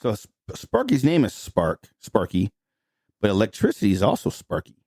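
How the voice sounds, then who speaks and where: A man's voice: lowish voice, wildly swooping pitch, moderate pace, a little mellow, slightly rough, no room sound, studio quality. A man hosting a podcast, casually retelling a film's plot with lots of filler words. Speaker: podcast host. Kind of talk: casual movie recap chat.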